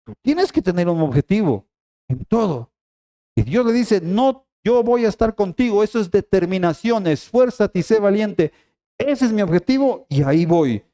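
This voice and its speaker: A man's voice: high-pitched, lively intonation, normal speed, warm tone. A middle-aged man preaching a sermon, emphatic and repeating key phrases as he speaks straight to the congregation. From Ecuador.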